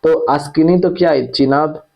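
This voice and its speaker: A man's voice: fairly high pitch, moderate pace, vocal fry, darkish tone, poor audio. A man teaching an exam-prep lesson who repeats key terms and checks in with his students after each point.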